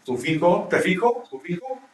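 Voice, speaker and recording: A man's voice: sits high, big pitch swings, normal speed. A male teacher explaining grammar in a classroom, often checking with his students as he goes. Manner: explanatory, asks frequent checking questions. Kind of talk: classroom lecture. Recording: roomy classroom, mic far off.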